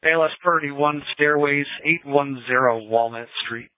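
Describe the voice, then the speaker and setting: A man's voice: a little high, moderate pace, no room sound. A man working as an emergency dispatcher, reading out calls over a two-way radio in clipped, procedural phrases. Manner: clipped, procedural call-outs. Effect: two-way radio transmission. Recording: narrow radio channel, dry.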